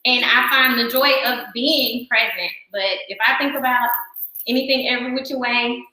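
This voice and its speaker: A woman guest in a casual conversation who tells stories in an animated way, laughing often. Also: a little high, very echoey, background noise. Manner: animated, laughing, quick storytelling. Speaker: guest, yoga teacher. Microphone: video call.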